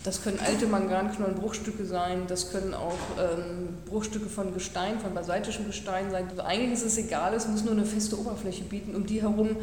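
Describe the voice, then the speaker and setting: A woman's voice: medium pitch, steady tone, fairly quick, hardly any pauses, a little mellow. Female expert in an echoey room. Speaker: professor interviewed as an expert. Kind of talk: unscripted interview explanation. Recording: echoey room with long reverb, faint noise.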